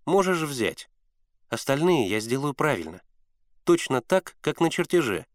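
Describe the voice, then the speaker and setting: A careful, pedantic teenage boy in a storybook, calm and measured in every reply, as a man reading aloud does him. His lines move with lively pitch over a dry, close sound. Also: no room sound.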